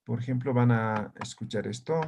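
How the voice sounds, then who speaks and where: A man's voice: medium pitch, steady tone, moderate pace, gravelly, background noise. A man teaching an online language lesson, explaining step by step and often checking understanding with short tag questions.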